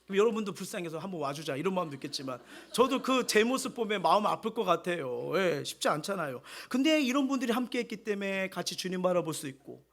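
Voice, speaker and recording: Male pastor, middle-aged, Sunday sermon; high voice with a wide, animated range. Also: fast, hardly any pauses. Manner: animated preaching, swings between loud exhortation and soft quoted asides.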